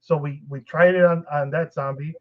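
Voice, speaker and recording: A man's voice: on the high side, fairly even intonation, moderate pace. A man co-hosting a podcast, telling a long, rambling, profane story and laughing often. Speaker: podcast co-host. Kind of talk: casual storytelling. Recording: dull lo-fi podcast recording.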